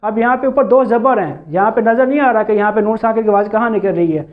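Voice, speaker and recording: Man teaching recitation, tinny phone-like sound. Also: high voice. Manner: patient, repetitive, slow drawn-out recitation examples. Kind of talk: explaining tajweed rules.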